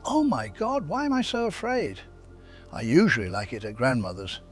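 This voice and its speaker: A man's voice: mid-range voice, big pitch swings, moderate pace, faint music behind, natural voice. A man putting on an innocent little girl. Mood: uneasy. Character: little girl in a red cap, innocent and trusting.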